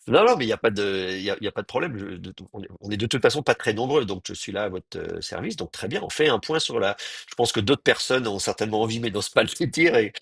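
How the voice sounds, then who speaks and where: Male teacher, low husky voice, hesitant thinking-aloud delivery, dry close mic. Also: animated, fairly bright tone, no room sound. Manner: hesitant, thinking aloud with many pauses and restarts. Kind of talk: live online class lecture.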